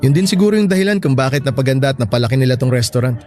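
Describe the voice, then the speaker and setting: This is a man's mid-range, darkish, natural voice, very fast and lively in intonation. He plays an affectionate, devoted boyfriend in an audio love drama, chatty and fond, with music playing behind him.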